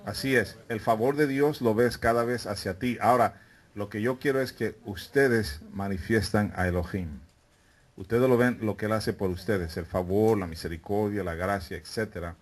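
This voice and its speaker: A man's voice: on the low side, normal speed. A man preaching a teaching sermon to a live congregation, often asking questions and calling them brethren. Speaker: preacher teaching a Bible study. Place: meeting room with a live congregation.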